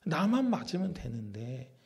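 A man voicing a grieving old widow, pleading softly. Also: on the high side, sing-song, unhurried, gravelly, full character voice. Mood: sorrowful pleading. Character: grieving older widowed mother-in-law.

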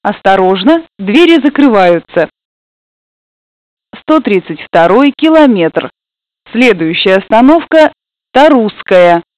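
A woman's voice: medium pitch, very animated, darkish tone, no room sound. Woman announcing stops over a train PA. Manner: measured, formal, evenly spaced phrasing. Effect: commuter train public-address announcement. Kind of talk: recorded station announcements. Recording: dull lo-fi, dry.

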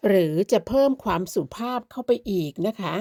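A woman's voice: mid-range voice, lively intonation, fairly quick, warm tone, no echo, clean studio sound. A woman teaching a beginners' language lesson, explaining politely and patiently and drawing out each example word. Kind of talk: slow beginner lesson narration.

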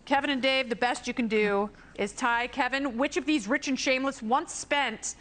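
A woman's voice: high voice, fairly bright tone. A middle-aged woman hosting a playful quiz game on a talk show, bubbly and teasing. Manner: bubbly, teasing, quick jokes and laughs.

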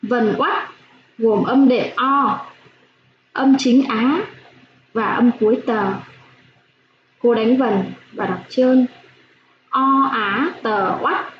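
A woman primary school teacher giving a slow phonics lesson for young children, spelling out sounds clearly with gentle instructions. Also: a little high, fairly even intonation. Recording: echoey room, dull lo-fi sound, faint hiss.

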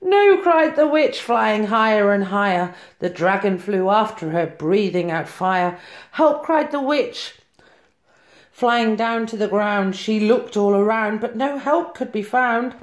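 Woman reading a rhyming picture book aloud at home, mid-pitched, roomy echo. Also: measured pace. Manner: lively, rhyming storytelling.

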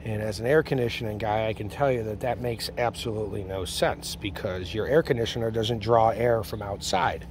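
A man's voice: lowish voice, brisk, few pauses, background noise. Chatty man filming on an RV roof. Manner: relaxed, chatty, many ums and uhs. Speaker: air conditioning technician and RV owner. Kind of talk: casual how-to vlog. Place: outdoors on an RV roof. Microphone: handheld phone camera.

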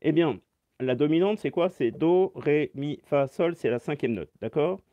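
A man's voice: a little high, expressive, moderate pace, dark tone, no room sound. A man teaching saxophone in a live-stream Q&A, explaining step by step and answering chat comments aloud through his phone.

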